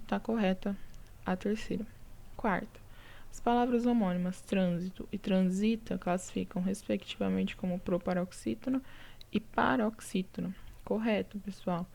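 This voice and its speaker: Woman, Brazilian Portuguese accent, teacher, gravelly voice, mellow tone, patient step-by-step explaining. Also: medium pitch. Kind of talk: recorded lesson going over exercises.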